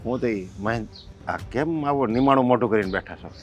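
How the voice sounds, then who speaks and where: A man's voice: mid-range voice, fairly quick, husky, dull audio, faint music behind, close to an everyday voice. A man playing a generous family man who reassures a troubled relative. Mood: reassuring. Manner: reassuring, lecturing. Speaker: head of household. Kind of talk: rural family stage drama.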